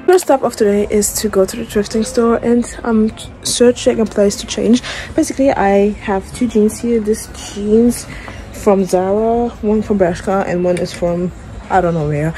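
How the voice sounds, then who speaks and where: A woman's voice: medium pitch, fairly even intonation, normal speed, mellow, a little hiss or hum, rough recording. A young woman chatting casually to her phone camera in a vlog, tired with a groggy morning voice, swearing lightly and poking fun at herself. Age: young adult. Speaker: vlogger. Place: bedroom at home, indoors. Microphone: phone held at arm's length.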